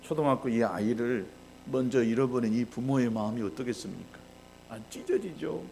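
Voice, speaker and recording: A male pastor preaching a sermon, telling a story with animated delivery and acting out the voices of the people in it. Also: medium pitch, normal speed, gravelly, a little hiss or hum.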